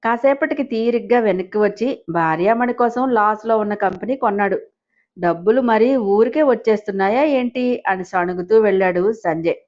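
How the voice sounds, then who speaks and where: A woman reads an audio story aloud with lively expression. Her pitch sits in the middle range, and the recording is a little dull and muffled. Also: normal speed. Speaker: story narrator. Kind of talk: scripted audiobook narration.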